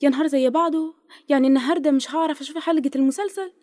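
Actress for a talkative housemaid, very fast, high voice. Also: female voice, fairly even intonation, warm tone, dry recording, studio quality, soft background music, natural voice. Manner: fawning, talkative, very quick. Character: eager, chatty female housemaid.

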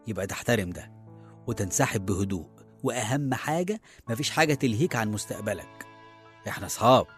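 A man's voice: on the low side, expressive, fast, lightly acted. An actor with an Egyptian accent playing a harried, well-meaning middle-aged father in a radio serial, conversational and often hesitant. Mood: fatherly, firm. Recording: music behind the voice.

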